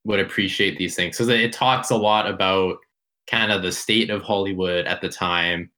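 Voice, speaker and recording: A man's voice: deep voice, steady tone, moderate pace, bright, forceful tone. A man co-hosting a film podcast, talking casually, rambling and correcting himself as he goes. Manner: rambling, self-correcting, unsure. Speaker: podcast co-host.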